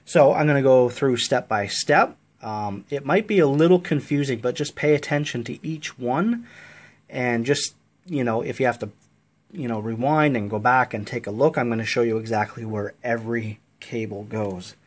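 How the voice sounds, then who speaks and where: A man's voice: mid-range voice, normal speed. A man talking through a casual step-by-step tech tutorial, out of breath and chatty with fillers.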